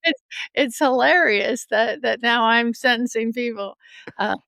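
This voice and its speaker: A middle-aged woman raised in Australia, a judge appearing as a podcast guest, frankly recounts her recovery story in an interview. She's getting over a cold and sounds a bit sniffly, laughing softly often amid many fillers and restarts. Her voice is a little high, a little slow and creaky, on a dry recording.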